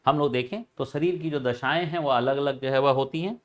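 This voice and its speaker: A man explaining a topic for a channel, halting and full of filler phrases and repeats. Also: mid-range voice. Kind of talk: informal educational explanation.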